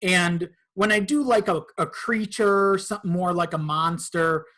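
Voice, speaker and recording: As a guest on a podcast, a horror audio drama creator talks informally about his creative projects, with the occasional curse. He speaks unhurriedly in a high-pitched, sharp-toned voice.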